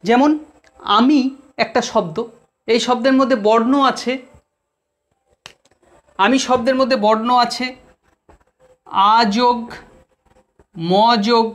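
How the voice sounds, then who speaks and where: A Bengali grammar teacher with a West Bengal accent, giving an exam-prep lesson in a deliberate way, repeating key terms and speaking straight to the students. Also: mid-range voice.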